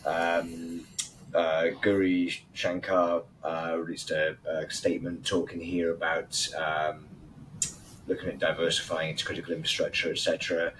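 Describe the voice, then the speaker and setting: A hoarse man co-hosting a casual industry podcast, chatty and loose, swearing now and then. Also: deep voice, level tone, moderate pace, a bit bright, a little hiss or hum, rough recording. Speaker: podcast co-host.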